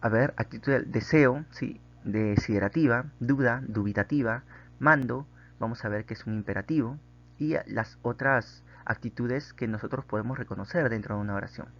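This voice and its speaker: A man's voice: medium pitch, moderate pace, a bit bright, lo-fi sound. A man teaching a grammar lesson, patiently explaining and often checking in with the class through tag questions.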